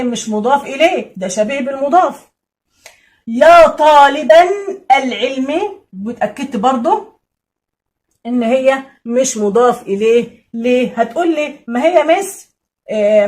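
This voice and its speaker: An Egyptian woman teaching Arabic grammar in a casual, lively way, repeating key points and answering imagined student questions. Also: sits high. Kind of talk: casual classroom explanation.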